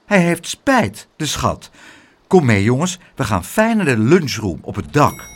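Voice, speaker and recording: A fussy old aunt from a children's storybook, doting and easily alarmed, who speaks high and fluttery, as a man puts her on. Her pitch leaps about in a lively way. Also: a little slow.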